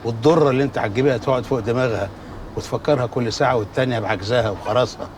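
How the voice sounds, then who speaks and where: An actor as an earnest Egyptian brother. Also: male voice, medium pitch, rapid-fire, recorded from a distance, a little hiss or hum, lightly acted. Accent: Egyptian Arabic. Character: Egyptian man, cautious, conscience-stricken brother. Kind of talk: TV drama acting.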